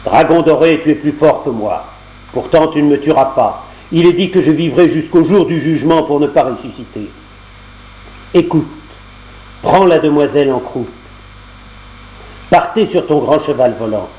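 A man's voice: on the high side, normal speed, long pauses, mellow, lightly acted. A man voicing the menacing master of the night. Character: sinister male master of the night, fighter. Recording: roomy cassette recording, faint hum.

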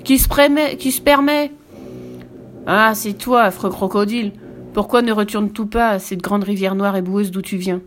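A big, outraged male elephant who booms out his indignation, as a woman reading a storybook puts him on. His lines come loud and forceful, full of reproach. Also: steady tone, fairly quick, few pauses, a little hiss or hum, natural voice.

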